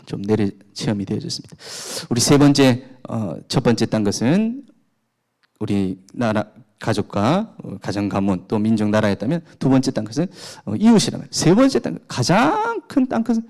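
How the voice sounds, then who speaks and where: Pastor preaching with rhetorical questions. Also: male voice, medium pitch, big pitch swings, moderate pace, darkish tone. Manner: rhetorical questions with emphatic rises; chatty, jokes about his home life. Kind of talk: sermon.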